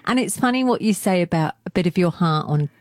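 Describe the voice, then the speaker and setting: A woman's voice: on the low side, animated, fast talker, darkish tone, no room sound, studio quality. Chatty, eager radio host woman. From England. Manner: chatty, enthusiastic, jumps in. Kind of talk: casual interview chat.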